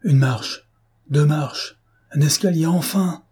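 A man's voice: medium pitch, fairly even intonation, measured pace, dark tone, slightly rough. A man voicing a determined police chief who gives urgent, commanding orders in an audiobook. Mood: excited. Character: determined middle-aged male police chief.

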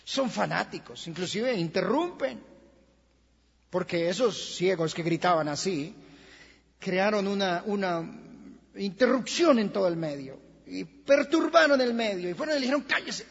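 Colombian pastor, male, gravelly high voice, fiery sermon; dull lo-fi church recording with long reverb. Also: lively intonation, moderate pace. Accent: Colombian Spanish. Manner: impassioned, swings from quiet to shouting. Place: church hall.

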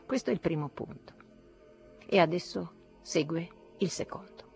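A woman's voice: lowish voice, unhurried, creaky, a little mellow, faint music behind. A woman reading an audiobook, voicing a bitter, feverish young male outcast who declaims shrilly and defiantly.

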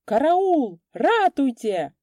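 A woman playing a loud, blustering village elder. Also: mid-range voice, moderate pace, no room sound, clean studio sound, close to an everyday voice. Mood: panicked.

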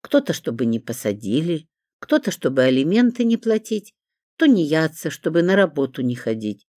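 An audiobook reader voicing a weary middle-aged duty nurse who talks in a matter-of-fact, confiding way, in a lively, dry-sounding read. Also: medium pitch, normal speed, no echo, close to an everyday voice. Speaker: hospital nurse. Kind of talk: audiobook character reading.

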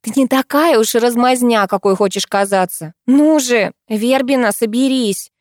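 A woman's voice: a little high, moderate pace, a little mellow, dry recording, studio quality, voice pushed up, natural voice. Woman doing a blunt, teasing girlfriend. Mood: bossy.

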